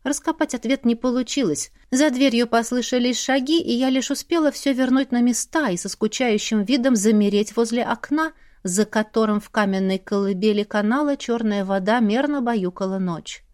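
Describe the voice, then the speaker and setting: A woman narrating a first-person fantasy audiobook in an expressive way. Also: a little high, normal speed, hardly any pauses.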